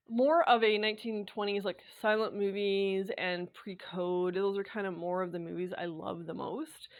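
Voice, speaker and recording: A woman vlogging in a casual, rambling chat, full of fillers and quick laughs, her voice slightly worn from dry air. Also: mid-range voice. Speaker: sewing and knitting vlogger.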